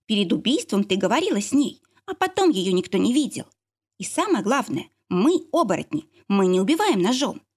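A woman voicing a stern, outraged werewolf mother who accuses and shouts, in an audiobook reading. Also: mid-range voice, slightly rough.

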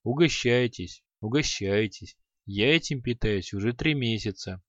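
A man's voice: on the low side, expressive, unhurried, a bit bright, no echo. A chained demon grumbles and mocks in a sardonic drawl , as a man reading an audiobook plays him. The recording is dry and a little dull. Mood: sarcastic. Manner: sarcastic, mocking.

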